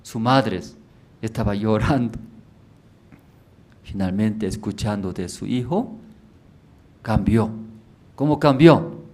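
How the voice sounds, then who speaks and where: A man's voice: lowish voice, takes it slowly, long pauses, dark tone. A man pastor preaching a sermon in a church, telling a story in simple words and asking the congregation rhetorical questions.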